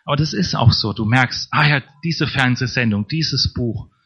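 A man's voice: medium pitch, normal speed, creaky, a bit bright, slightly rough, highs cut off. A man preaching a sermon in a conversational way, often checking in with the congregation. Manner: conversational, tag questions to congregation.

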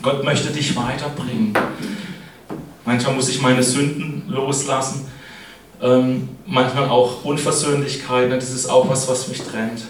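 Chatty preacher in an echoey hall. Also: male voice, mid-range voice, steady tone, measured pace, far from the mic, a little hiss or hum. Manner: chatty, keeps adding "ne?" to address the congregation. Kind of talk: casual sermon.

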